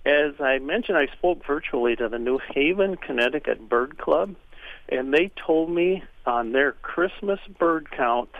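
A man's voice: fairly high pitch, animated, a little slow, no echo. Joking man on a tinny phone line. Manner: folksy, joking storyteller. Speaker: regular birding guest on a radio show. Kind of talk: casual radio chat.

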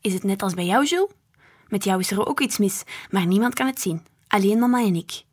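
Woman as a cheeky little girl who says what she thinks, husky-toned. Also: medium pitch, animated, a little fast, darkish tone.

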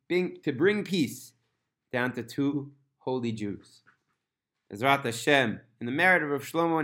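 A man's voice: mid-range voice, fairly bright tone. A man telling a heartfelt story in an earnest way, slipping into the characters' first-person voices and using Hebrew and Yiddish religious terms.

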